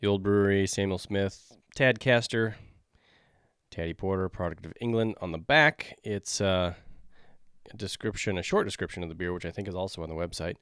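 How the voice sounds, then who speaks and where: A man's voice: low-pitched, normal speed, fairly bright tone, clear, resonant tone, no echo, studio quality. A man hosting a beer review podcast, talking in a loose, rambling, jokey way.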